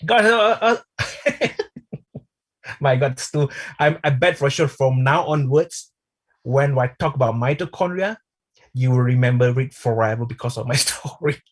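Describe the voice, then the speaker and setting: Guy w a husky voice running an online product training, talks to the chat like friends. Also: mid-range voice, normal speed. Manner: chatty, addresses viewers as "my friend".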